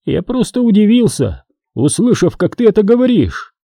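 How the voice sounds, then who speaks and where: A cruel, imperious Sith lord barks orders with cold arrogance, voiced by a male audiobook reader. His voice sits a little raised, with a husky grain. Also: high-pitched, sing-song, unhurried, warm tone, no echo, studio quality, pitched above the performer's own voice, heavily acted. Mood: commanding. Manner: imperious, commanding.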